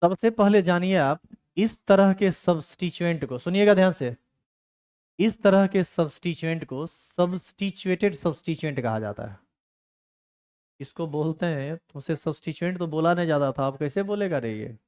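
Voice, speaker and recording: A man's voice: a little high, animated, moderate pace, darkish tone, clear, resonant tone. A man teaching a chemistry class, teasing and scolding his students. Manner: scolding, teasing students in a rustic Hindi dialect. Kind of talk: classroom lecture.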